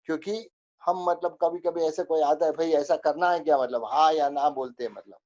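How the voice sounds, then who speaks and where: A man's voice: a little high, darkish tone, muffled recording. A man teaching a spoken religious lesson, going through a list of rules with many fillers.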